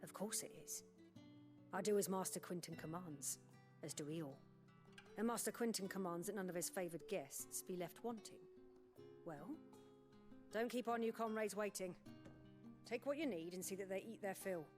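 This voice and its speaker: A brisk, deferential tavern keeper in a video game, voiced by a woman. She speaks at a middling pitch. Light music plays behind her. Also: darkish tone, lightly acted. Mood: fawning. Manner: curt, then fawning. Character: brisk female tavern keeper, loyal servant.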